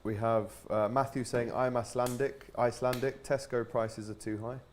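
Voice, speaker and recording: A man's voice: mid-range voice, fairly even intonation, normal speed, a little mellow, slight background noise. A man hosting a live football watch-along, reading viewer comments aloud in a casual way. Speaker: live stream host reading chat.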